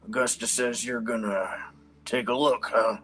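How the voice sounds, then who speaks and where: A man voicing a gruff middle-aged patient, down on his luck, in a tabletop game. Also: medium pitch, steady tone, a little slow, fairly bright tone, poor audio. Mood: wary.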